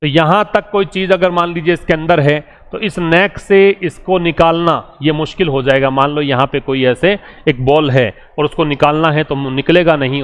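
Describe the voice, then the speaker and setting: A man with an Indian accent teaching an English vocabulary lesson, listing synonyms in drilled repetition and slowing down for English example sentences. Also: fairly high pitch.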